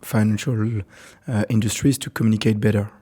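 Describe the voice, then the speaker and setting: A man's voice: lowish voice, flat delivery, a little fast, warm tone, dry recording. A man hosting an interview, introducing his guest and asking questions in a hesitant way, full of fillers. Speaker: podcast host. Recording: faint guitar music behind.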